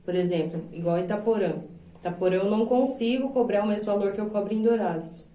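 A woman's voice: mid-range voice, quick pace, dark tone. Woman, Brazilian accent, 30s, singer and voice teacher, reflective, roomy recording. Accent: Brazilian Portuguese. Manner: earnest and reflective, many filler tags. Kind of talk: casual interview chat. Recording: roomy sound from a distant mic.

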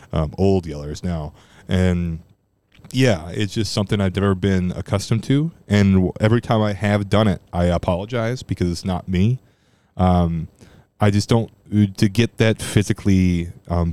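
A man hosting a casual solo podcast, rambling and loose with profanity, with a strong loud voice that can turn monotone. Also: deep voice. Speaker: podcast host. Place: room at home.

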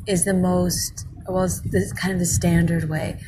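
Low-voiced woman teaching, over loud background noise. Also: flat delivery, unhurried. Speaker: French language teacher. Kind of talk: explanatory grammar lesson.

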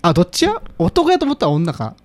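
A man's voice: high-pitched, wildly swooping pitch, fast. A man, co-hosting a casual podcast chat, rambling through his speculation with frequent laughs. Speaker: podcast co-host.

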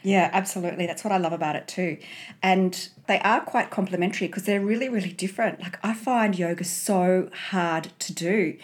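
A woman hosts a podcast interview. Her voice sits a little low, and she talks in a friendly, chatty way and asks open questions. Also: brisk. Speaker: podcast host. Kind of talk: casual interview chat.

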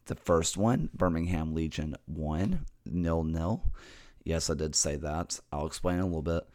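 A man with a nearly lost, raspy voice that can slip toward a whisper, hosting a casual sports recap in a halting, self-correcting way. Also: a bass voice, a little mellow, no room sound, clean studio sound. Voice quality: raspy voice, dropping at times into a whisper. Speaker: podcast host.

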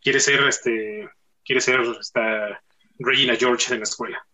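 A man hosts a loose, joking podcast chat. He talks in a bright, forceful voice and fills it with plenty of pauses and fillers. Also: mid-range voice, fairly even intonation, muffled recording. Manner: chatty, joking, with many fillers. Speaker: podcast host. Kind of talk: casual chat.

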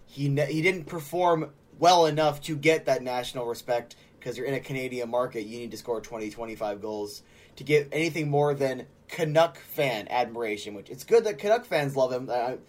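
A man's voice: mid-range voice, lively intonation, brisk. A man co-hosting a casual hockey podcast, talking in a sarcastic, joking way and laughing often. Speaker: podcast co-host. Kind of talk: casual sports chat.

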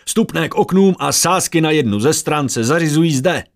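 Guy voicing slick greedy young squire, showman pitch, high voice, storybook. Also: expressive. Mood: barking. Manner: loud barker-style pitching.

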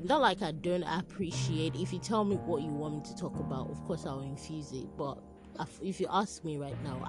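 Woman, Nigerian accent, slightly low voice, animated casual podcast chat, emphatic repetition, music behind. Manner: animated, repeats phrases for emphasis. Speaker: podcast host. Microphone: phone.

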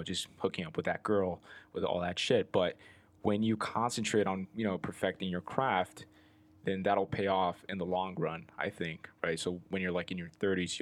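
A man's voice: low-pitched, a bit bright. A man in his twenties hosting a podcast in casual interview chat, loose and rambling with lots of filler words. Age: 20s. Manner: loose and rambling, heavy on "like" and "you know". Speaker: podcast host.

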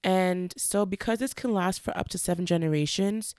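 A woman hosting a casual solo podcast, talking frankly and earnestly while stuffy from a cold, speaking slowly on purpose. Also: lowish voice, darkish tone, no echo, clean studio sound. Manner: frank, earnest, slowed deliberate delivery. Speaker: podcast host.

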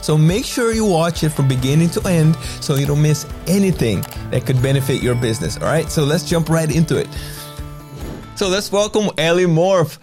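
Higher-pitched man hosting, music behind. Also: darkish tone. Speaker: interview host. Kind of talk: upbeat casual interview hosting.

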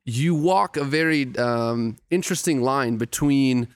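A young man talking as an interviewer on a casual podcast, earnest and thoughtful, with halting phrasing. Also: mid-range voice, clean tone, dry recording. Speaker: writer and interviewer, podcast guest.

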